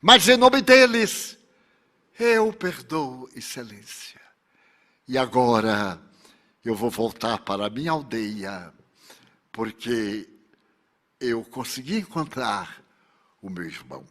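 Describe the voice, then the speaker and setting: A woman who survived great cruelty speaks of forgiveness, as a man retells her words. Her voice is high and unhurried, and each phrase comes out solemn and heavy with grief. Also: expressive, a bit bright, exaggerated voice.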